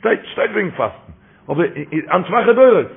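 Gravelly man preaching over a phone line. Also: high-pitched, very animated, normal speed. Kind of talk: religious talk with stories. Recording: tinny phone-line recording.

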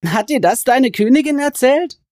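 A young storybook heroine, scornful and defiant, firing back mocking retorts, as a woman reader voices her. Her lines lift above the narration in pitch and volume, recorded dry and close. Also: animated, normal speed, darkish tone, dry recording.

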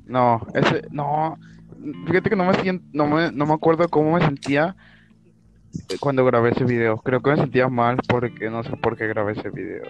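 A man's voice: medium pitch, moderate pace. A young man, chatting with friends on a call, posing questions and earnestly explaining himself. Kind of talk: casual chat among friends on a call. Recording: dull lo-fi call audio. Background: guitar music.

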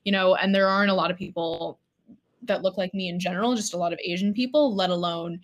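A woman's voice: lowish voice, fairly even intonation, quick pace. Thoughtful young woman from Florida. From Florida, United States. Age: 20s. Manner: thoughtful, conversational, with frequent fillers. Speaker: podcast guest. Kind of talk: casual interview.

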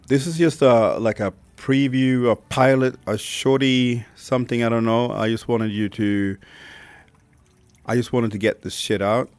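On the low side with a darkish tone, this man's voice carries a Swedish accent. He's from Sweden, in his thirties, and hosts a podcast of frank, thoughtful monologue with casual swearing.

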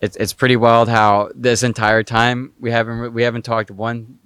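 A man hosting a podcast, chatting in a relaxed way with short affirmations. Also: medium pitch, normal speed, clean tone, no echo, clean studio sound. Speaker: podcast host. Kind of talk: casual podcast conversation.

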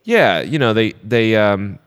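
A man co-hosting a podcast in casual chat, telling stories with dry, deadpan jokes. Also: lowish voice, a little slow, clean tone. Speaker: podcast co-host.

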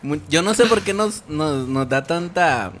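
A man's voice: a little high, lively intonation, a little slow, fairly bright tone, soft background music. A man co-hosting a podcast in casual chat, joking and laughing often. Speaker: podcast co-host.

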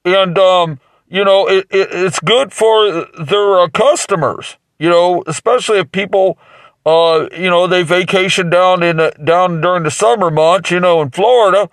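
A man's voice: high voice, normal speed, no echo. A man improvising a rambling mock infomercial as a salesman, with crude jokes and lots of fillers. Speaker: comic playing a mattress salesman.

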